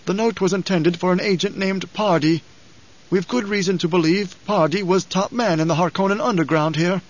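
In an audiobook, a man voices a loyal old advisor, sounding grave and deferential as he delivers lines in a measured, formal, hesitant way. The audio is dull and high-pitched, his voice pushed up, and the older character's mood is grave and careful.

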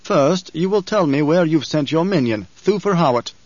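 A male narrator puts on a cold, imperious emperor with an exquisitely controlled baritone. Each word comes out pitched up, louder and sharper, dripping with polite contempt. The recording is dry and slightly dull. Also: lively intonation, moderate pace, dry recording. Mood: mocking.

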